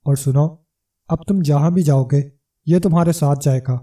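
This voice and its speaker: A man's voice: on the high side, warm tone, far from the mic, natural voice. A man voicing a huge, domineering wife who snarls and bosses her husband, in a storybook reading. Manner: bossy and snarling.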